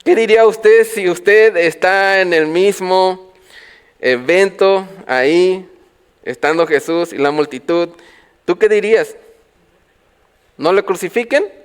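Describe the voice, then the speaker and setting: Higher-voiced man preaching a sermon. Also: slow pace, long pauses, clear, resonant tone. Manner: preaching with rhetorical questions to the congregation; swings from loud calls to quiet low phrases. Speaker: pastor. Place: church.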